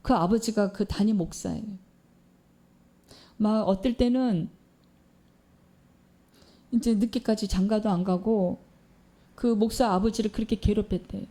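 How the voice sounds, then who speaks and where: A woman's voice: medium pitch, fairly even intonation, measured pace, pauses often, mellow. A woman preacher giving a sermon in a church, telling a story and posing questions to the congregation.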